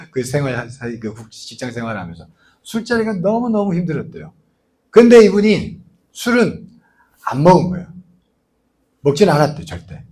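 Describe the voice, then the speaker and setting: A pastor preaching in a church, his voice set a little high and swinging widely in pitch. He tells the story in a chatty, storytelling way and keeps asking the congregation to agree. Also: a little mellow. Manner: conversational storytelling with rhetorical asides. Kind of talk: sermon.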